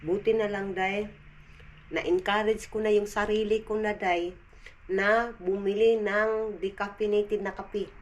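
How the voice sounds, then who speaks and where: A woman's voice: mid-range voice, fairly even intonation, a little slow. A woman, a mother, chatting casually to her vlog viewers at home and mixing in English words. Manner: chatty, mixes Tagalog with English, often says "day". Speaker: vlogger and mother. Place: home, porch and yard outdoors.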